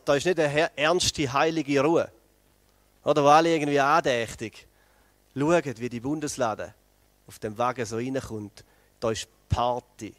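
A man preaching a lively sermon, telling the story with energy and speaking straight to the congregation. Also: on the high side, dry recording. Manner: animated storytelling, addresses the congregation directly.

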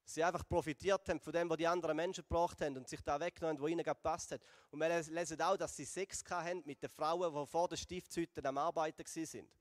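A man's voice: a little high, studio quality. Man, Swiss German accent, sermon, storytelling, long reverb from the church hall. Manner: lively storytelling, slowing and dropping softer for emphasis. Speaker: pastor. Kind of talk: sermon retelling a Bible story.

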